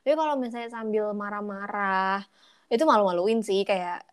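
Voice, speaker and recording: A woman's voice: medium pitch, normal speed, smooth. A woman co-hosting a podcast in a casual chat, explaining things with examples and slipping English phrases in. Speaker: podcast co-host.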